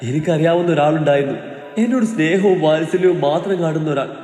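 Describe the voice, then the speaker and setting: A man's voice: high voice, big pitch swings, quick pace, a little mellow, voice pushed up. A man voicing a frightened young mother clutching her baby, trembling and stammering as she pleads. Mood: defiant. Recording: echoey room with long reverb, faint music.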